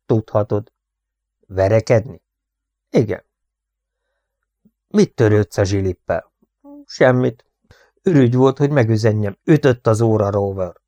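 Egy férfi, aki egy magabiztos, gúnyos fiatal pisztolyhőst szólaltat meg egy hangoskönyvben, lazán, fölényesen. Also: male voice, on the low side, lively intonation, long pauses, dark tone, no echo, lightly acted. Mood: cool. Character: cocky, cool young man, gunslinger.

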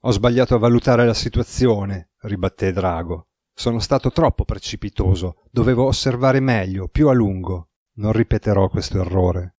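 A man reads the part of a grim, commanding man who broods and swears, his voice low and close. The dry audiobook delivery keeps him curt and heavy. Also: moderate pace, hardly any pauses, darkish tone, no room sound, lightly acted. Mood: sober.

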